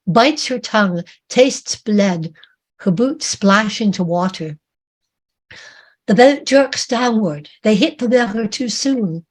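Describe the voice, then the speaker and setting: A woman author reading her own dramatic story aloud in a measured, vivid way. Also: medium pitch.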